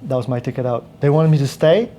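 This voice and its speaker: A man's voice: medium pitch, animated, quick pace, mellow, slight background noise. A man, telling his life story as a podcast guest, full of restarts and fillers. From Poland. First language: Polish. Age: 30s. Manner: rambling with frequent restarts and fillers. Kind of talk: casual interview storytelling.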